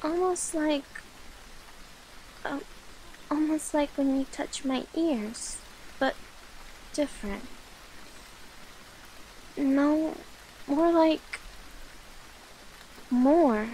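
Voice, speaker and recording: For an ASMR roleplay, a woman acts as a shy, clingy, affectionate catgirl familiar, her flustered delivery halting and pleading. The voice is very high, slow and mellow, with faint noise behind it and poor audio.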